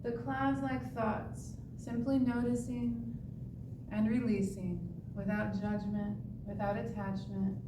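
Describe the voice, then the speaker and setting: Woman, serene tai chi cues, unhurried delivery, slightly high voice, meditative pauses, distant echoey recording with rumble. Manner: serene, calm, meditative cueing with long pauses. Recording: echoey, distant mic with clear rumbling noise.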